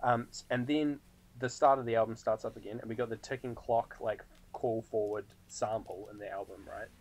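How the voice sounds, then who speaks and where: A man's voice: fairly low pitch, steady tone, moderate pace, darkish tone, rough recording. A man co-hosting a podcast, talking casually about a movie with a lot of "like" fillers and frequent laughter. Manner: laid-back, lots of filler "like", laughs often. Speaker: podcast co-host. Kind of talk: casual film discussion.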